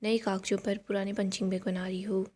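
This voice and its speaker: A woman voicing a smug scheming man who taunts a young woman, in a mellow voice. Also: medium pitch, level tone, brisk, close to an everyday voice. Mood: taunting.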